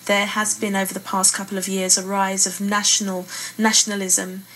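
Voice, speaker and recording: A British playwright and poet speaks earnestly as an interview guest, reading some passages aloud. Her voice is mid-range and a bit bright, with flat delivery at a moderate pace, and there's clearly noisy room ambience.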